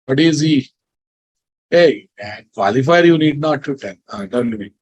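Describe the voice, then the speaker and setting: A man with a Telugu Indian English accent teaches programming in a lecture, his mid-range voice animated and slightly breathy at a measured pace. He goes over points repeatedly and checks in often with listeners, though the recording is muffled.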